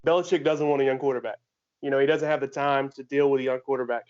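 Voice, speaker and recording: A man co-hosting a sports podcast in easy, casual chat. He talks at a middling pitch, circles back over his words as he builds his argument, and the audio is dull and a bit lo-fi. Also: fairly even intonation, fast, darkish tone. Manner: laughs while making his case, rambling restarts.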